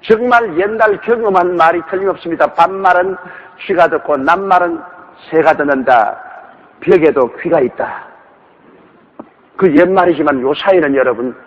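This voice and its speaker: A male pastor preaching a sermon emphatically, with many rhetorical questions, in a dull, reverberant recording. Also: fairly high pitch.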